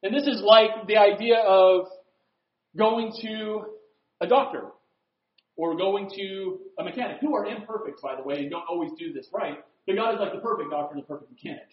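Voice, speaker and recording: A man preaching a sermon in a conversational way, posing rhetorical questions and swinging between loud emphasis and quiet asides. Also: high voice, moderate pace. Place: room with a board. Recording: roomy, dull lo-fi recording.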